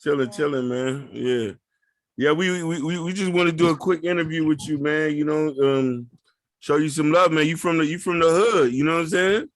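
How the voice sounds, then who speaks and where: Relaxed middle-aged host, slightly high voice. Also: male voice, dry recording. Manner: relaxed, drawn-out slangy delivery. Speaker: radio show host. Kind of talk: casual interview hosting.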